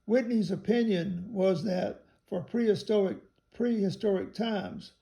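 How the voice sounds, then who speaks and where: Reading a theology book aloud, this man takes a careful, measured pace and now and then spells words out letter by letter. His voice is high and gravelly, yet dark and mellow in tone.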